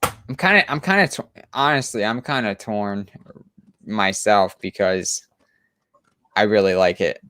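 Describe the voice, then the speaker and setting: A man's voice: lowish voice, measured pace, long pauses, pushed and bright, dry recording, studio quality. A man co-hosting a comic book chat show, talking casually and enthusiastically with lots of restarts and fillers.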